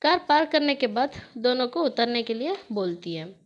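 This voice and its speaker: A woman's voice: on the high side, normal speed. Woman reading a love story aloud. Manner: steady reading, Hindi mixed with English words.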